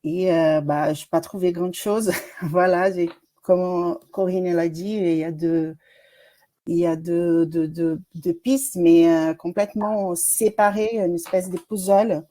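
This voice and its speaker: A woman's voice: fairly low pitch, steady tone, takes it slowly, mellow. A woman from Brazil, a doctoral student with a Brazilian accent and Portuguese as her first language, presenting her research in a webinar over a video call, hesitant with many fillers.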